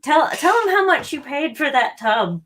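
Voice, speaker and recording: Woman, casual chat, giggly, halting, highish animated voice. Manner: giggly, halting, searches for words. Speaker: co-host.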